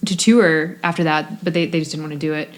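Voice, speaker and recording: A woman's voice: deep voice, steady tone, fast. Chatty woman podcast co-host. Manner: chatty, giggly, hesitant. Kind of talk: casual chat and band history.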